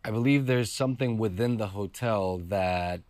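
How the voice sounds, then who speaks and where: An actor as a deep-voiced, cryptic solemn man. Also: normal speed, darkish tone, natural voice. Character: solemn male believer in the supernatural. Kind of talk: mock documentary interview in horror film.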